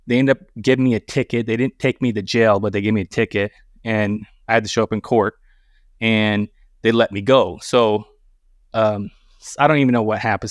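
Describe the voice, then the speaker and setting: A man on a podcast as a guest, telling a long story in a casual, animated way, full of swearing and acted-out dialogue. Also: on the low side, no echo, clean studio sound. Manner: animated, profane, acts out dialogue.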